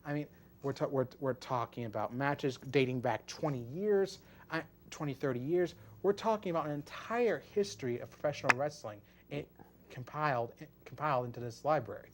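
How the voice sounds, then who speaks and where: A man's voice: mid-range voice, normal speed. A man co-hosting a wrestling podcast, explaining in a rambling way and often restarting his words. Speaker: podcast co-host. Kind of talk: casual wrestling podcast chat.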